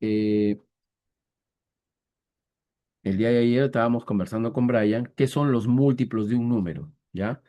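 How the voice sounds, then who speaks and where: A man teaching an online math class on a video call. He speaks patiently, checks often that students follow, and counts through examples slowly, step by step. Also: mid-range voice, dark tone, muffled recording. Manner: patient, repetitive, checks understanding with "¿ya?"; slow, deliberate step-by-step counting.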